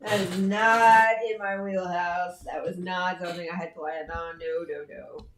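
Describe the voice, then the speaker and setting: Casual co-host, woman, hoarse and rough-edged, low-ish voice, blunt rambling delivery, roomy echo. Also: fairly even intonation, unhurried, fairly bright tone, a little hiss or hum. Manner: blunt, swears freely, rambling with fillers. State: hoarse, scratchy throat. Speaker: co-host on a livestream. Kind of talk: casual chat.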